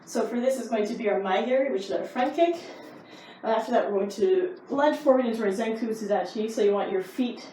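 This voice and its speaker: A woman explains karate drills in an informal, easygoing teaching style. Her voice is on the higher side. The sound is roomy and echoing, a bit distant from the mic, with faint noise. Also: a little fast, warm tone. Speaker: karate instructor. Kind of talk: casual instructional explanation of techniques.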